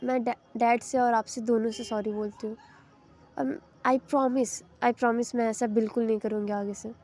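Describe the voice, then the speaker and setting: A woman's voice: on the high side, level tone, measured pace, darkish tone, faint music behind. Woman doing a sulky, apologetic college girl. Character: young female college student, sulky but apologetic.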